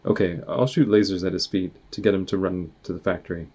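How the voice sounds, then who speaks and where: A man's voice: low voice, steady tone, fast, darkish tone, slightly rough, dull audio. A man doing a confident moose superhero. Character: confident male moose superhero with laser eyes.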